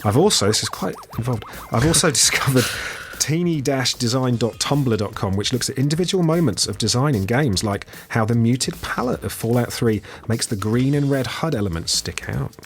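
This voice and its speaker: A man's voice: medium pitch, expressive, moderate pace, hardly any pauses. A man, a guest game designer, chatting thoughtfully on a podcast with many fillers and restarts. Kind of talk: casual podcast chat.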